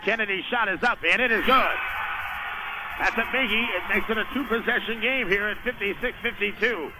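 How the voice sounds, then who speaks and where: An indoor high school basketball game gets live radio play-by-play from a man whose voice sits high and moves briskly. He keeps up short descriptions of the action, with background noise audible.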